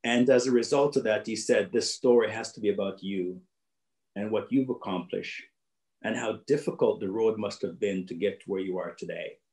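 A middle-aged Jamaican man with a Jamaican accent earnestly tells young people a personal story as a guest speaker, repeating phrases for emphasis. He speaks over a video call from his home office, his voice on the low side, darkish, and moderately paced. The audio is poor and reverberant.

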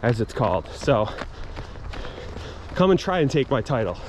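A man's voice: mid-range voice, sing-song, moderate pace. A man in his thirties with an American accent talks casually to his vlog camera while running, slightly winded. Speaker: running vlogger. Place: outdoors on paths and sidewalks. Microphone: camera held at arm's length. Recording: outdoor action camera, noisy street ambience.

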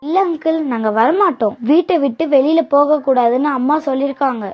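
A woman's voice: high-pitched, brisk, natural voice. Woman voicing innocent little sparrow chicks. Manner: pleading, childlike. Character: small young sparrow chicks, innocent and anxious. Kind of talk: cartoon voice acting. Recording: dull lo-fi with faint music.

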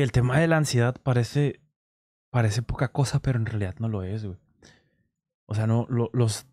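A man's voice: medium pitch, no room sound, studio quality. A man with a Mexican accent, reacting to a clip on stream in casual, slangy talk full of swearing. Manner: crude slang, swearing, animated demonstrations.

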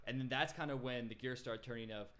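His mid-range voice is bright and forceful, fast and steady, as a videographer in his 20s shares his story on a casual podcast. He rambles with plenty of fillers and restarts, speaking into a boom-arm desk mic in a small podcast room.

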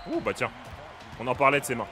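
A young man playing a basketball video game, giving excitable, casual commentary, often shouting at the action and laughing. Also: mid-range voice, fast, background noise. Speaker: gaming streamer.

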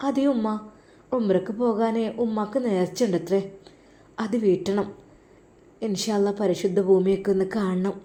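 A woman voicing a gentle, devout young wife who speaks softly and earnestly. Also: medium pitch, fairly even intonation, normal speed, pauses often, natural voice.

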